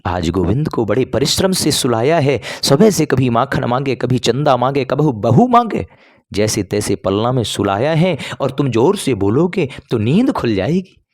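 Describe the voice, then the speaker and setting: A man's voice: medium pitch, very animated, moderate pace, a little mellow, dry recording, clean studio sound, pitched above the performer's own voice. A man voicing a grieving elderly mother who pleads tearfully in rustic village speech. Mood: anxious hushing.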